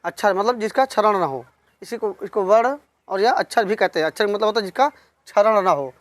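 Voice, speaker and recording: A woman teaching a lesson on poetics, slowly repeating key terms and asking questions that she then answers herself. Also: mid-range voice, no echo. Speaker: Hindi literature teacher. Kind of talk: online exam-prep lesson.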